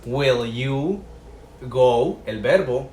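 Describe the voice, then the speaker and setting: Male language teacher, slow and patient, repeats examples word by word; echoey room, faint hum behind. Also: mid-range voice, lively intonation, darkish tone. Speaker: English teacher. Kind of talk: explaining Spanish-to-English grammar lesson.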